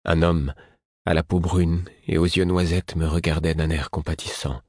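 A man narrating a first-person audiobook in a measured, somber way. His voice is very deep with a husky grain, recorded dry and close. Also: level tone, a little mellow, dry recording.

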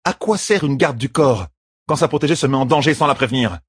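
Man voicing a woman bodyguard, storybook, blunt, mocking, husky, dry. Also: medium pitch, fast talker, no room sound, voice pushed up, close to an everyday voice.

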